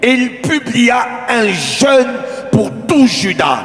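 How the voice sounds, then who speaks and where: A man from DR Congo, preaching a sermon as pastor in short calls and frequent shouts. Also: very high voice, very animated, slow pace. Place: large church hall. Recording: echoey church hall.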